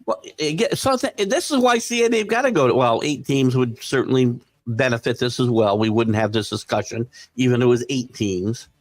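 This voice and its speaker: A male host of a live sports talk show, giving opinionated commentary that keeps building into excited rants. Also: medium pitch, a little fast, few pauses, dry recording.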